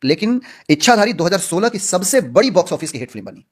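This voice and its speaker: A man's voice: high-pitched, sing-song, quick pace, husky. A man answering interview questions as a film actor, speaking earnestly and outspokenly with emphatic stresses.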